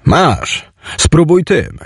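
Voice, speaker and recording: A reckless village boy blurts everything out in a raised, swinging voice, put on by a man. The tone has a husky, gravelly edge, recorded dry and close. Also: a little high, extremely slow, no room sound, pitched above the performer's own voice, full character voice. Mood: eager. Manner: brash, excitable, blurting out.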